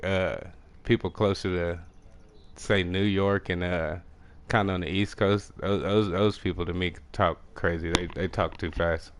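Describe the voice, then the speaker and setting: A young man with a country Texas accent who talks fast and mumbles, casually commenting on a fishing game he is playing. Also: low voice, clear, resonant tone. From Texas, USA. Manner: fast mumbling talk with restarts. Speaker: gaming streamer.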